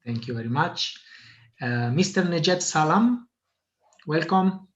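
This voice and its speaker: The host of an online meeting sounds hesitant and leans on lots of filler sounds, yet his fairly high voice is animated and unhurried. The audio comes through a video call and is muffled and lo-fi.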